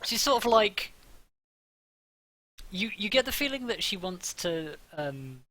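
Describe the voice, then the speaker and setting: A man's voice: high-pitched, very animated, takes it slowly, bright, forceful tone, rough recording. A man running a tabletop game as game master, narrating with many fillers and restarts.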